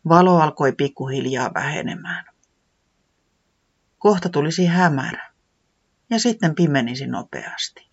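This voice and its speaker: A storyteller narrating a children's story in a gentle, expressive way, sometimes dropping to a whisper. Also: medium pitch, long pauses, husky, dull audio.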